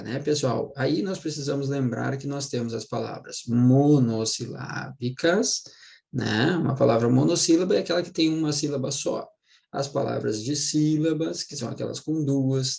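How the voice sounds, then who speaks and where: A gravelly, slightly mellow mid-range male voice belongs to a chatty Portuguese teacher giving a casual recorded online lesson for exam prep. He keeps checking in with "tá?" and "né?", and slows down to stress words when explaining them.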